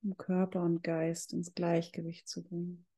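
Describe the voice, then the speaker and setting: A yoga instructor guiding a meditation in calm, measured, drawn-out phrases. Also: mid-range voice. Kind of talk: slow guided yoga meditation.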